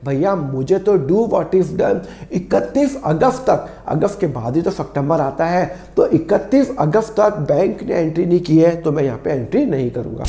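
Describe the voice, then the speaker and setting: A man with a sore, hoarse throat teaching an accounts lesson, asking and answering his own questions and repeating key phrases. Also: on the high side, expressive, normal speed, hardly any pauses, mellow, reverberant. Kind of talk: classroom-style lesson explanation.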